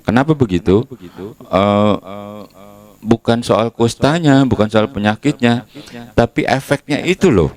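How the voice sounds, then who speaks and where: Man, pastor, casual chatty sermon, slow delivery. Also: medium pitch, a little mellow. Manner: chatty, conversational, acts out quotes. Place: church.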